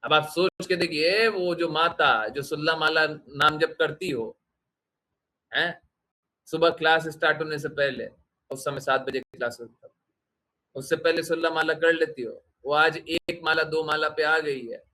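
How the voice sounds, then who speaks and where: A man's voice: on the high side, fairly even intonation, a little slow, bright, forceful tone. A man giving a devotional talk to his followers, scolding and questioning them, slipping English phrases into his speech. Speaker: spiritual teacher.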